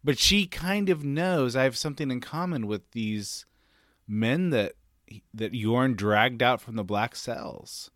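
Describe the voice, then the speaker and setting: A man's voice: medium pitch, a little slow, fairly bright tone, no room sound. A man hosting a book podcast in a casual, chatty way, reading passages aloud and laughing easily. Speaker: podcast host.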